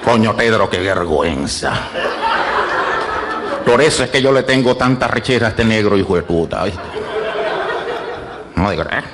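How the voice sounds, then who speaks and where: A man's voice: on the low side, expressive, moderate pace, pauses often, heavy background noise, pitched below the performer's own voice, lightly acted. A man voicing a foul-mouthed, cheeky male puppet with a Venezuelan accent. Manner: cheeky and profane. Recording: loud live audience in a club.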